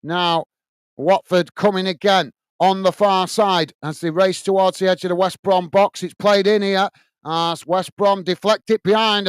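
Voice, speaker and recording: A man from Bolton in the north of England, with a Lancashire accent, hosts a live football watch-along, calling the play and reading chat. He often calls viewers "mate" between "uh" fillers. His high voice is smooth with no room sound, picked up through earphones and a desk microphone.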